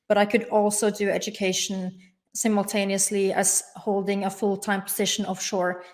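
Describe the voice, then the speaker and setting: A young adult woman from Norway, speaking as a guest in an interview, gives formal, careful answers at a middle pitch. Her delivery is measured, with careful connectives linking her points.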